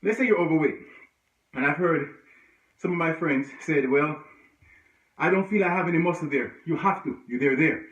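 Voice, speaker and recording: A man coaching a home workout with a bright, forceful voice and an encouraging, chatty way of explaining each move. He sounds out of breath at times and grunts between moves. He is heard from some distance in an echoey room, through a dull, lo-fi recording. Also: a little high, normal speed, pauses often. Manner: encouraging, chatty, breaks off mid-exercise with grunts. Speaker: fitness instructor.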